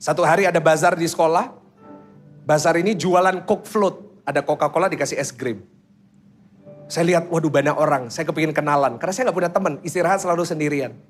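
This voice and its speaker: Lively storytelling male pastor preaching. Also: fairly high pitch, soft background music. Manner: quizzes the congregation with quick questions; storytelling that acts out children's voices. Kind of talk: sermon.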